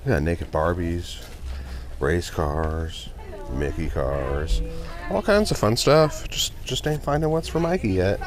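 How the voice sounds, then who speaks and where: With music in the background, a low-voiced man talks expressively and at a slow pace. He's a reseller vlogging casually through a flea market, upbeat and chatty with viewers he calls "you guys."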